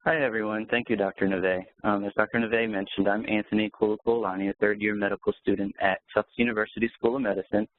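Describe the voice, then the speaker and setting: A man in his twenties, a medical student from Hawaii who was raised in North Carolina, giving a brisk, scripted presentation over a dry, tinny phone line. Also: fairly low pitch, flat delivery. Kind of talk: prepared presentation.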